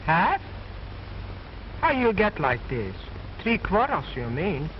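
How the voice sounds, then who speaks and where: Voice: mid-range voice, wildly swooping pitch, takes it slowly. A performer voicing a cheeky, boastful wooden boy dummy in an old ventriloquist stage act, wisecracking in broken English. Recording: muffled old film soundtrack, loud noise.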